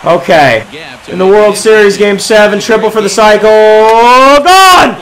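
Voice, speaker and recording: A man giving excitable gameplay commentary, calling home runs like a sportscaster as he plays. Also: sits high, normal speed, low-quality recording. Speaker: gaming video creator.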